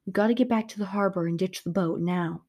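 A woman reading aloud, voicing a sharp, bossy big sister in a storybook adventure. She barks short urgent commands, louder and higher than the narration. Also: fast, lightly acted. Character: bossy, anxious big sister, a young smuggler.

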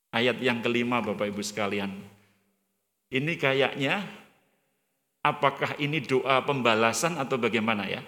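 Male guest preacher, higher voice, forceful and bright, animated with jokes, long church reverb. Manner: animated, joking, addresses the congregation directly. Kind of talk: sermon.

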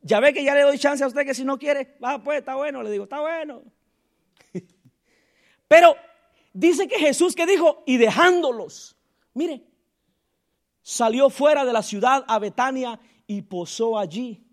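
Very high-pitched man preaching a sermon. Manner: calls on the congregation to repeat after him and respond; chuckles often and jokes with listeners. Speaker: pastor. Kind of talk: lively church sermon. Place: church service.

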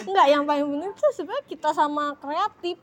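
A woman's voice: high-pitched, expressive, a little fast, heavy background noise. A young woman co-hosting a casual podcast chat, playful and joking in slangy banter, throwing in mouth sound effects. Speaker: podcast co-host.

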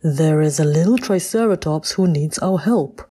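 A gentle, helpful boy dinosaur from a children's storybook, speaking slowly in a warm, slightly husky low voice, as a woman reading the tale voices him. Calm and unhurried. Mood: friendly. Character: friendly helpful young male dinosaur.

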